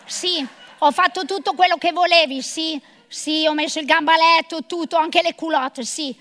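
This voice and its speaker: A woman's voice: very high voice, steady tone, normal speed, a bit bright. A middle-aged woman performing a comic monologue of phone calls as a bossy, sarcastic career mother.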